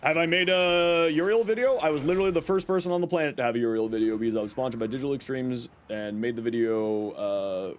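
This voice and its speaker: A man giving casual live game commentary and answering chat in a tired, low-energy, flat voice that sounds worn out. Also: fast talker, hardly any pauses. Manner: low-energy, sleepy, flat burned-out delivery. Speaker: game livestreamer. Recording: clear background noise from game audio. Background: video game sounds.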